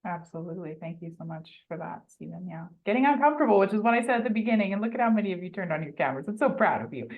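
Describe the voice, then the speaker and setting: A woman's voice: fairly low pitch, expressive, rapid-fire, hardly any pauses. A woman hosting an online panel, affirming and encouraging, heard over a video call. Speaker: panel moderator. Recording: tinny narrowband video call audio.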